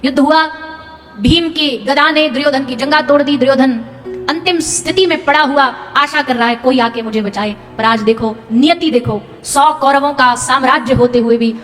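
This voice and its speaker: A woman's voice: sits high, fairly bright tone. A woman narrating a devotional sermon, telling the story dramatically and singing Sanskrit verses. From India. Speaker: katha storyteller. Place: large hall at a live religious event. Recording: long hall reverb with music.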